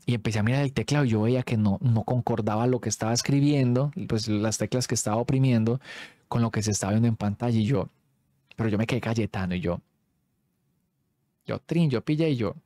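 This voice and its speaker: Colombian man, casual storyteller, animated and slangy, dark mellow voice. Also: medium pitch, fairly quick, no room sound.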